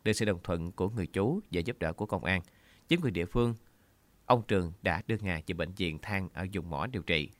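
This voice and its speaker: A man narrating a story in a measured, earnest reading style. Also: low-pitched, expressive, no room sound.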